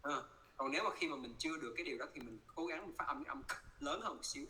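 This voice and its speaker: A man with a Vietnamese accent coaching English pronunciation, repeating words slowly and switching between Vietnamese and English. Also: a little high, very animated, vocal fry, noisy background. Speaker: English teacher.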